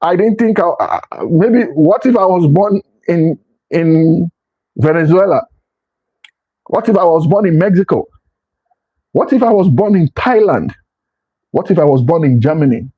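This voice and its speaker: A middle-aged man speaks with a husky, slightly higher voice, lecturing earnestly on life choices. He often repeats himself and restarts his sentences as he presses each point home. The sound is dull and lo-fi. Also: animated, a little slow, long pauses. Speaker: motivational speaker. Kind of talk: motivational talk to camera. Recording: dull lo-fi recording.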